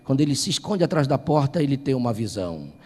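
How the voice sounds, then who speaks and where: A male pastor from Brazil telling a story in a Sunday school sermon, building from hushed narration to impassioned preaching. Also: mid-range voice, very animated, fast, big-room sound.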